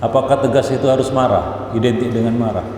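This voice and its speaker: A man's voice: mid-range voice, fast, mellow, slight background noise. A man giving an emphatic parenting lecture as a preacher, repeating his points for stress. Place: mosque hall. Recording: echoey hall, faint ambience.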